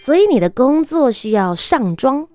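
A woman's voice: sits high, very animated, moderate pace, mellow, no echo, soft background music. A woman hosting a show and interviewing a guest in a presenter's style. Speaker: host.

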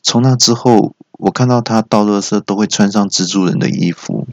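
Gravelly low-voiced man. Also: normal speed, no echo. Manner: jokey, leaps into shouted character quotes. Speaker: comedy podcast host. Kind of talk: solo stand-up storytelling. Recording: dull lo-fi recording.

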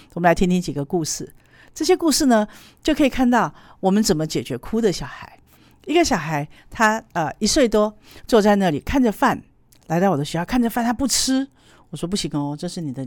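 Lively woman telling parenting stories. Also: medium pitch, no echo, studio quality. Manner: animated, chatty storyteller. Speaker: early childhood educator. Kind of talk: podcast storytelling talk.

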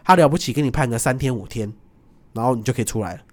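A young adult man, a guest, telling stories in a lively casual chat and acting out the voices of people in them. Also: mid-range voice. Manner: animated, quick, acts out voices in his stories.

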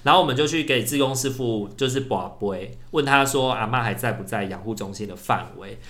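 Fast bright-voiced young man telling a story. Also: mid-range voice. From Taiwan. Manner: animated storyteller who acts out shouted calls. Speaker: podcast co-host. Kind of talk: casual storytelling chat.

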